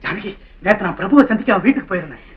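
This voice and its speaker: An earnest son begging his policeman father to trust him. He speaks fast in a high voice with steady urgency. It comes from a dull old film soundtrack with faint music. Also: breathy edge, heavily acted. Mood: urgent. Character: earnest young son hiding a secret. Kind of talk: 1960s film melodrama acting.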